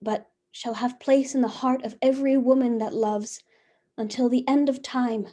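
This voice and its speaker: A woman's voice: a little high, fairly even intonation, moderate pace, mellow, natural voice. An actress playing Eve as a passionate young wife, speaking earnestly and lingering over her words over a video call. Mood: solemn. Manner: earnest, lingering, heartfelt delivery. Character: first woman, passionate devoted young wife. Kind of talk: theatrical reading of a one-act play.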